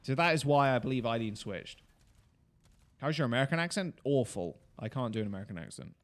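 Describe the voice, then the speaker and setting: Excitable swearing male game streamer. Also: medium pitch, quick pace. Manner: swears often, excitable reactions. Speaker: esports streamer and analyst. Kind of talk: casual game replay commentary.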